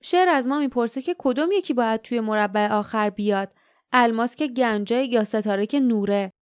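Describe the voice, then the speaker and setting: Eager young woman explaining in an audiobook, voiced by a woman, high voice, smooth tone. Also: dry recording, studio quality, lightly acted. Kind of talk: audiobook character voice.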